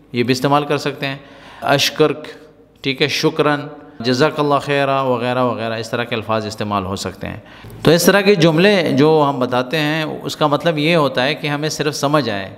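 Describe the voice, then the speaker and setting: A man's voice: medium pitch, fairly bright tone. Patient male teacher in a reverberant room. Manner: patient, repetitive explaining with frequent "right?" checks. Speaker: Arabic teacher. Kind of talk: spoken Arabic lesson explained in Urdu. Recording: long hall reverb.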